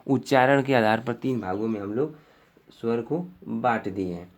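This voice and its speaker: A man's voice: mid-range voice, normal speed. Guy teaching grammar for an exam, goes over stuff again and again, ordinary mid voice. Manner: explanatory, repeats points, leans on fillers. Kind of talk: exam-prep grammar lesson.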